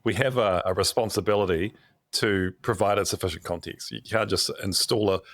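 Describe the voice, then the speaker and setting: Male podcast host, lowish voice, reflective and earnest conversation, close dry recording. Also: steady tone, a little fast, fairly bright tone, no echo. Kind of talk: reflective conversational interview talk.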